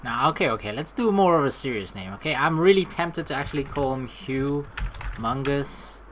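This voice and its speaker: Over background music, a male let's play host rambles and jokes through a video game playthrough, reading game text aloud and swearing now and then. His medium-pitched voice is animated and moves at normal speed, with slight background noise.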